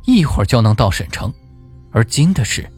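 A man narrating a folk ghost story in an expressive, suspenseful way. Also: mid-range voice, moderate pace, husky. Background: faint music.

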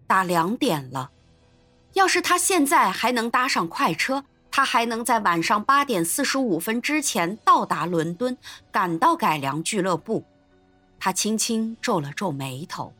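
Lively woman storyteller, dry sound. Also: medium pitch, a little slow, no room sound, soft background music. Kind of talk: scripted narration.

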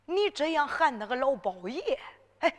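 A woman's voice: sits high, very animated, normal speed, big-room sound, pitched above the performer's own voice. A woman storyteller voicing a disguised old emperor who fatherly scolds his adopted daughter, in emphatic dialect. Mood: fussy scolding. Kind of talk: Henan zhuizi ballad storytelling.

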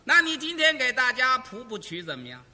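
Man, crosstalk straight man, short prompting questions, very bright high voice. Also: sing-song, a little fast. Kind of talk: crosstalk comedy routine.

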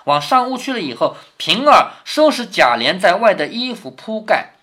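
A man reads a classic novel aloud to his daughter, stopping often to explain. He keeps checking in with rhetorical questions. His pitch swings in a lively way. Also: moderate pace. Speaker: father reading to his daughter. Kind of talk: reading aloud with commentary.

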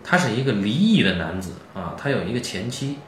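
A man hosting a podcast, retelling a film plot in a lively casual way and acting out the characters' lines. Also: fairly low pitch, brisk, roomy sound, slight background noise. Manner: animated storytelling with acted quotes. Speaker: podcast host.

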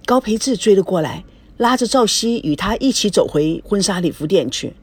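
A woman's voice: medium pitch, expressive, moderate pace, slightly rough. A woman narrating a novel as an audiobook, reading every part herself. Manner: plain storytelling, reads every part herself.

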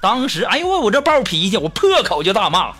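A man's voice: sits high, a little fast, slightly rough. A man hosting a comedy podcast, telling funny anecdotes and acting out the voices in them. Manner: lively storytelling, acting out quoted voices. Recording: music bed under the voice.

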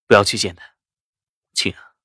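A woman voicing a calm, gentle young male doctor who speaks softly and evenly, in a dry close recording. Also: extremely low pitch, brisk, dry recording, pitched below the performer's own voice. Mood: quietly firm. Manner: soft-spoken, mild and even.

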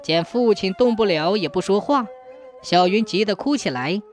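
A woman narrating a folk tale in a steady, expressive storybook reading. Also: medium pitch, moderate pace, soft background music.

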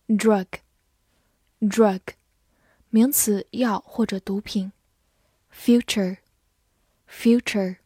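A woman teaching English vocabulary, saying each word twice and then listing its meanings in a measured reading. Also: medium pitch, mellow, breathy edge, dry recording, clean studio sound.

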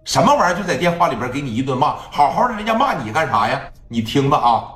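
A man's voice: mid-range voice, big pitch swings, quick pace, a bit bright. A man voicing a bossy older woman gang elder who lectures and scolds with indignant boasting. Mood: scolding. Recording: echoey room, faint music.

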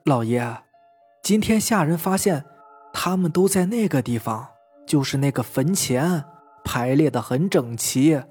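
A man's voice: a little high, a little mellow, slightly rough. Brief: a man playing an anxious old-house steward, stammering and holding back, for an audio ghost story. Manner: hesitant, halting. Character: nervous loyal middle-aged male steward.

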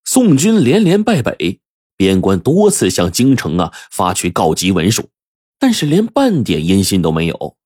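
A man telling a traditional story in a lively, colloquial, expressive way. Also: fairly low pitch, normal speed, breathy edge, dry recording, clean studio sound.

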